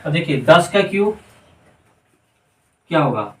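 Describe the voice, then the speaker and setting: A male math teacher works through a problem step by step, counting digits aloud and asking himself questions that he answers at once. His voice sits a little high. The sound is roomy and echoing, with the mic some distance away. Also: sing-song, a little slow. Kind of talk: step-by-step classroom math lesson.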